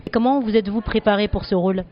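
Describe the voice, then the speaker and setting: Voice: mid-range voice, rapid-fire. An interviewer puts short, formal questions to a guest. The voice sits in the middle range and sounds a little dull, as if recorded with limited bandwidth.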